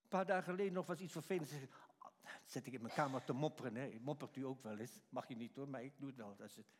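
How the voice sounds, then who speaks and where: A man preaching a sermon to a congregation, animated, acting out quotes and chuckling between lines. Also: mid-range voice, quick pace, a little hiss or hum. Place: church. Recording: long reverb of a church hall.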